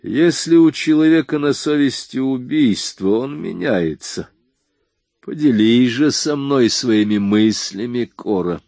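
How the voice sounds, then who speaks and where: A man's voice: mid-range voice, expressive, unhurried, a little mellow, dry recording, voice pushed up. A man reading an audiobook voices a hardened young man who gives curt, commanding orders. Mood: cold. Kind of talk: audiobook dialogue.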